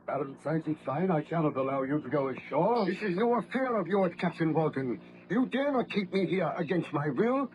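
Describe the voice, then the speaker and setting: Casting: tormented baron-scientist, higher-pitched, solemn and melodramatic, old radio play with noisy sound. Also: male voice, sing-song, moderate pace, few pauses, a little mellow, muffled recording. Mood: defiant. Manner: formal, declamatory, solemn. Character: weak, anguished, guilt-ridden baron-scientist, doomed and melodramatic. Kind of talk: old-time radio drama acting. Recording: noisy vintage radio drama recording.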